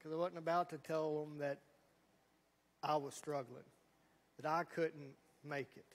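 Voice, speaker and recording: Folksy preacher, high voice, church echo. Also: male voice, fairly even intonation, measured pace. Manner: folksy storytelling with acted quotes. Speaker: pastor. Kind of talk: sermon. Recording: long hall reverb.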